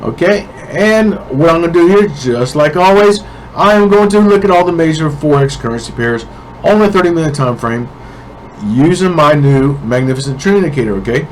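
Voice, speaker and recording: A man's voice: a little high, animated, moderate pace, slight background noise, poor audio. A man with a cold and a congested voice, giving his weekly forex predictions in a casual way and often checking in with the listener. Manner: casual, keeps checking in with "okay?". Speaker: forex trading analyst. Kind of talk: weekly market prediction talk.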